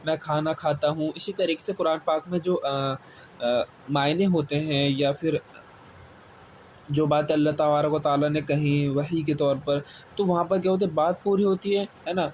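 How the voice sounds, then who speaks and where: Male Quran teacher repeating questions slowly. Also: on the high side, fairly even intonation, a little mellow. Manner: asks questions and answers them himself, repeats key words slowly. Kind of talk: step-by-step classroom explanation. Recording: faint background noise.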